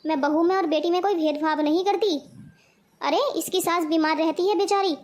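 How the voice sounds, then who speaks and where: A woman's voice: very high voice, fairly even intonation, a little fast, a little mellow. A woman voicing a scolding cartoon mother. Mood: complaining. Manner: scolding, preachy. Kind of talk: cartoon voice acting.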